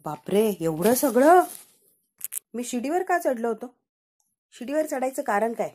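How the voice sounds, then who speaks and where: A man's voice: very high-pitched, expressive, moderate pace, husky, pitched above the performer's own voice, full character voice. A woman voicing a flustered, embarrassed adult man from a TV serial who keeps pleading to be told what happened. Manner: pleading, insistent questions.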